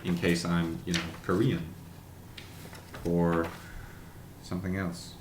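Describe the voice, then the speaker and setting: A man's voice: low-pitched, flat delivery, roomy sound, slight background noise. A man chatting casually and wryly to camera as a vlogger, reading things aloud as he goes. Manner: chatty, wry, reads text aloud haltingly. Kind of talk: casual unboxing chat.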